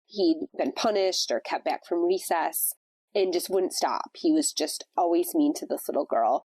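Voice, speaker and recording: This woman's low, darkish voice has a breathy edge and a measured pace, her nose blocked up from a cold. She hosts a podcast, chatting reflectively and casually about faith, with no echo.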